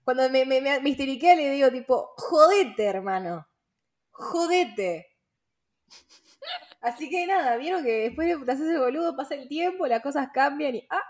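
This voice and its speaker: A woman's voice: sits high, fast talker, few pauses, a little mellow. Chatty young woman with Rioplatense Spanish. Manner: chatty, full of fillers and slang, laughing asides. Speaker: podcast host. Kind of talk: casual chat.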